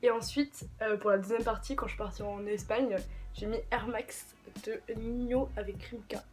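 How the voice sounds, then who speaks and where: A chatty young woman talks through her favourite songs in a relaxed, slangy way, full of fillers and quick asides. Her voice sits a little high. Faint music plays underneath. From of Portuguese descent. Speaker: vlogger. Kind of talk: casual chat.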